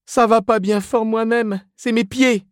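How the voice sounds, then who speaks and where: A man's voice: extremely high pitch, steady tone, a little slow, dry recording, studio quality, voice pushed up. A man voicing a weary middle-aged mother who complains and gossips in a drawling, plaintive way.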